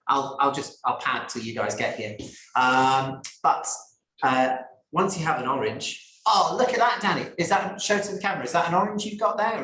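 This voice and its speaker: A man's voice: mid-range voice, fairly bright tone. A man hosting a live online gin tasting over a video call, chatty and easygoing, talking to viewers by name. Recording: roomy echo on a video call.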